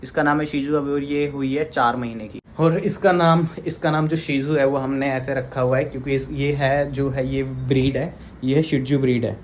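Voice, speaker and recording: A man's voice: medium pitch, steady tone, normal speed, a little hiss or hum, rough recording. Chatty young man touring his home. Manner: chatty, teasing, addresses viewers as guys. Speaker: vlogger. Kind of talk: casual home-tour vlog. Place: small home indoors.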